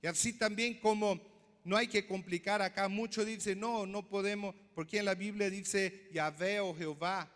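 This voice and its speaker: A man's voice: high voice, fairly even intonation, moderate pace, fairly bright tone. A man pastor preaching a sermon, teaching step by step and asking the congregation questions. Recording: long hall reverb.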